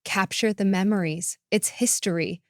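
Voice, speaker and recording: A woman voicing a practical adult sister who talks bluntly and briskly. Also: medium pitch, dry recording, clean studio sound, close to an everyday voice.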